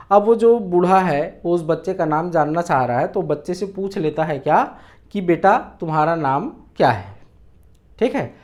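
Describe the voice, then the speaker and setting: A man's voice: high voice, a little mellow. A male teacher delivers an exam-prep lecture. He walks through each point patiently. He poses rhetorical questions to the class and answers them himself.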